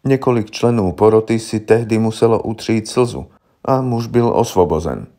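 A man narrating a story in a calm, measured audiobook reading. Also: fairly low pitch.

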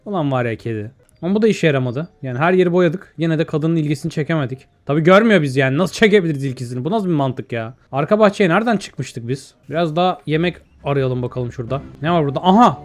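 A young man narrating his gameplay in casual let's-play commentary, talking to himself and to the viewers and reading out in-game lines. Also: fairly high pitch. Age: young adult. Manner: chatty, talks to himself and the viewers while playing; reads out in-game dialogue. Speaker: gaming YouTuber.

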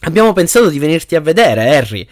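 A man reading an audiobook and voicing a cheerful, warm mother who welcomes a teenage boy with excited exclamations. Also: a little high, fast, no echo, studio quality, pitched above the performer's own voice. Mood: joyful.

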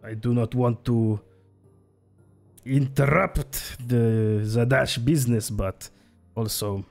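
A man playing a nervous, caring innkeeper who speaks in broken, halting English with many hesitations. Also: mid-range voice, steady tone, creaky, darkish tone, soft background music. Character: nervous caring male innkeeper from a freed people, broken grammar.

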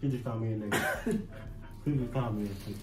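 A man's voice: medium pitch, fast talker. A man in a casual chat with friends over food, playful, crude and teasing. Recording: roomy echo, from far off, music behind.

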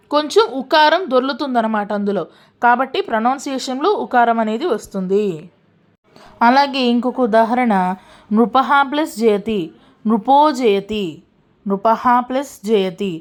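A woman teaching a grammar lesson, slowing down for each worked example and often asking the listener if they have followed. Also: high-pitched. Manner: asks the listener frequent check questions; slows down to spell out worked examples.

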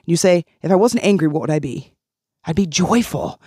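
A podcast host and life coach delivers a motivational solo talk on her healing podcast, earnest and encouraging, often repeating phrases for emphasis. Her low, husky, dark voice is animated and at normal speed. The recording is clean studio sound with no room echo.

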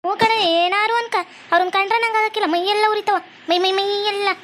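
A woman's voice: very high voice, steady tone, quick pace, a bit bright, a little hiss or hum. A woman playing a gossiping village neighbor who chatters on, with a North Karnataka Kannada accent. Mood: gossipy.

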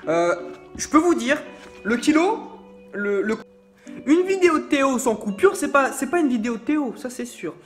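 A man reviewing vape gear in a playful, self-mocking unboxing vlog with animated asides. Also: extremely high pitch, moderate pace, soft background music.

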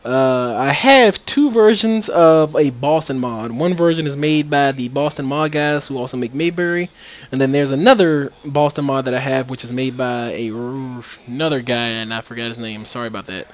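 This video game commentator, a man with a medium-pitched voice at normal speed, rambles casually about his gameplay. His USB microphone cuts out, and his speech is full of fillers and restarts.

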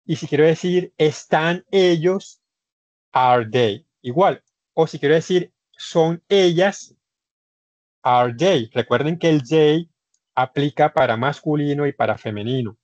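A man's voice: on the high side, a little slow, a little mellow, no room sound, highs cut off. A man with a Colombian Spanish accent teaching an online English class. He explains grammar step by step, repeats his points and addresses the students formally.

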